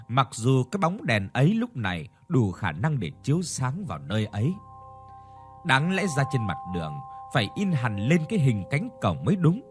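A man reading a first-person ghost story aloud, in a slow, suspenseful way. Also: medium pitch. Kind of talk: scripted ghost story narration.

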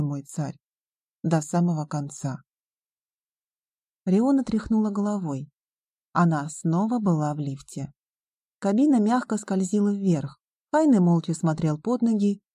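A female audiobook narrator reads a scripted text in an even, measured storytelling style. Her voice is mid-range, and the studio recording is clean and dry.

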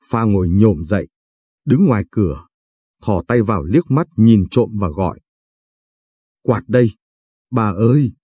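A man narrating a story in a measured, steady reading voice. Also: lowish voice, slightly rough, no room sound, clean studio sound.

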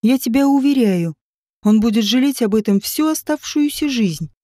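A woman's voice: fairly high pitch, lively intonation, normal speed, mellow, no echo, studio quality, lightly acted. A woman voicing a blunt, teasing former cop who pushes a rich woman to divorce, read in an audiobook. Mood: coaxing. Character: man, a brash ex-cop wooing a rich woman. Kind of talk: audiobook character reading.

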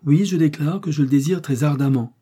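A man's voice: on the high side, brisk, mellow, slightly rough, pitched above the performer's own voice. A man voicing a determined young wife who defies a courtroom, firm and insistent. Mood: accusing. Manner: firm, insistent, rising to outbursts.

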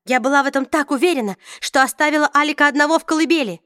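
A woman's voice: sits high, rapid-fire, sharp tone, no room sound, studio quality, voice pushed up. A woman reading an audiobook, voicing a bitter, proud middle-aged woman who accuses and argues intensely. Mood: bitter, heated.

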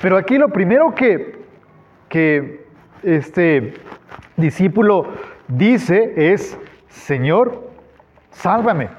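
A man preaches a sermon as pastor in a relaxed conversational way, filling pauses and acting out the quoted lines. His voice sits a little high. The recording is dull and lo-fi.

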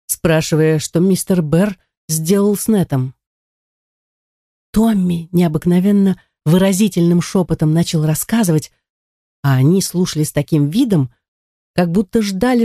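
Audiobook narrator, expressive storytelling, warm dark tone, dry close studio sound. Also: mid-range voice, dry recording.

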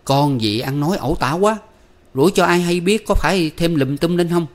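A man voicing a young adult son who argues defensively with his mother, sheepish but quick to anger. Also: a little high, voice pushed up, lightly acted. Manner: pleading, defensive.

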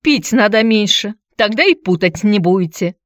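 A woman's voice: lively intonation, normal speed, dry recording, clean studio sound, lightly acted. A woman voicing a quarrelsome, hard-drinking woman who answers in a snappish, sarcastic way. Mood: indignant. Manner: snappish, sarcastic, shrill when riled.

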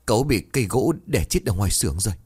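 A man's voice: fairly low pitch, sing-song, fast talker, darkish tone, husky, pitched above the performer's own voice. A man voicing a frantic older male lumber-mill worker who talks in an urgent, breathless way. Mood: alarmed.

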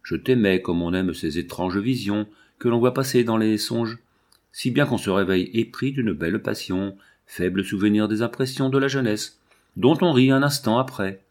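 A melancholy, reflective aging poet, read by a man in an audiobook muses in earnest. His voice sits low. The delivery stays measured and heartfelt. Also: darkish tone, lightly acted. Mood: musing. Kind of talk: audiobook reading.

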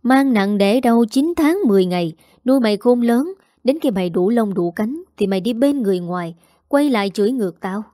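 A woman's voice: a little high, expressive, fairly quick, dark tone, no room sound, clean studio sound, lightly acted. A woman voicing a stern middle-aged mother who scolds her son sharply. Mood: scolding.

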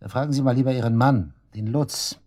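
Playing a defiant, disbelieving murder suspect facing police questions, a man delivers naturalistic German radio drama acting full of crude slang and sarcasm. His warm, medium-pitched voice is fairly quick and fairly even, close to how he'd normally talk.

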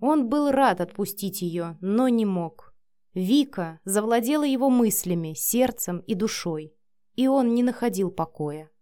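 Female audiobook narrator, steady expressive reading, mid pitch. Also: measured pace. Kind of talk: audiobook narration of a romance novel.

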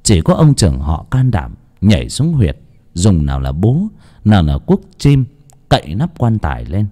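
Expressive male audiobook narrator. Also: sits low, normal speed. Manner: expressive storytelling.

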